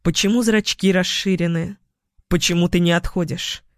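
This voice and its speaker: Figure: a man voicing a bitter, shouting young man. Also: high voice, steady tone, normal speed, no echo, clean studio sound. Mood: challenging. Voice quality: hoarse. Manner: shouting, accusing. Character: bitter cornered young man, cynical, emotionally cracked.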